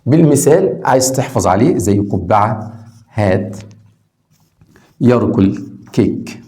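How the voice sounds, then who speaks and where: A man with an Egyptian Arabic accent teaching English to beginners online, asking rhetorical questions and sounding out letters slowly. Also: on the low side, expressive, mellow. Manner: asks rhetorical questions and answers them.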